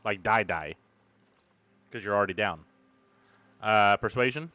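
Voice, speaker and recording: Smooth-voiced man playing a tabletop game. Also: lowish voice, measured pace, sharp tone, dry recording. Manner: easygoing, hesitant with fillers. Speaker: player. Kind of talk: casual tabletop game chat. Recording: clean, dry close mic.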